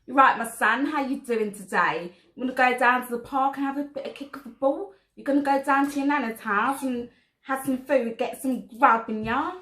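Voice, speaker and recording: A woman putting on a Cockney accent, playing a chirpy parent chatting loudly and rapidly to her son. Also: high-pitched, echoey room, pitched above the performer's own voice, poor audio. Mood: cheery. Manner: loud, rapid, sing-song chatter.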